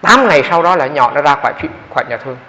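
A man, a Buddhist monk telling a story in a dharma talk, with quoted dialogue and halting repetitions. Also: on the high side, animated, bright, forceful tone. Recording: dull, hall reverb.

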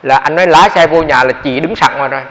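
A man, a Buddhist monk telling a story in a dharma talk, with quoted dialogue and halting repetitions. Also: a little high, fairly bright tone. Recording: dull, hall reverb.

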